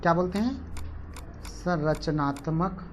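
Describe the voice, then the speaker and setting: A woman teacher with a somewhat low voice walks students through a chemistry lesson. She asks questions and answers them herself, repeating key terms, with a faint hiss of noise underneath. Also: expressive, slow pace. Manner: repetitive, asks and answers her own questions; mixes English terms into speech. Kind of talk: online classroom lecture.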